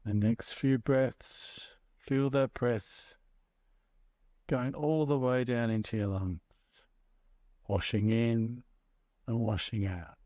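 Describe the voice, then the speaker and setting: A man narrating a guided meditation as a guide, speaking in a measured, soothing way with pauses between short phrases. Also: medium pitch, steady tone, darkish tone, no echo, clean studio sound.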